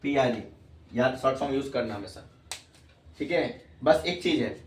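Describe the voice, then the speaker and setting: In a classroom, a man with a mid-range voice lectures students on tax at a normal speed, repeating his questions to check they follow and calling them "babu." There's slight background noise, and the room is echoey, with the mic far from him.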